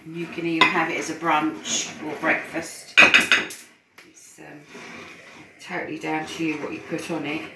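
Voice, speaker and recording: Friendly middle-aged woman hosting a home cooking lesson, lower pitch, echoey kitchen with clattering dishes. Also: flat delivery, a little slow, vocal fry, recorded from a distance, very noisy. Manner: chatty, encouraging, talks while whisking. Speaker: support worker cooking host. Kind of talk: casual cooking demonstration. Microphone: phone camera at a distance. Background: clinking bowls and utensils.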